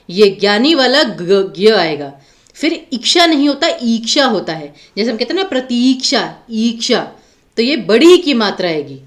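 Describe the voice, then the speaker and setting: A woman teacher giving an online grammar lecture for exam preparation, patiently explaining and asking the students rhetorical questions. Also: on the high side.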